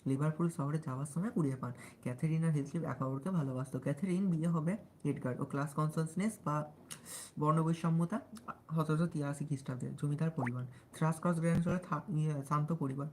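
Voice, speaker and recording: A young man with a Bangal-tinged Bengali accent talks in a soft, sweet voice on a live stream. He reads study notes aloud and keeps asking his viewers whether they follow. A faint ambient hum runs underneath. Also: fairly high pitch, fairly even intonation, poor audio. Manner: deliberately soft, sweet way of speaking; chatty, often asks listeners if they follow. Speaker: livestreamer studying for exams.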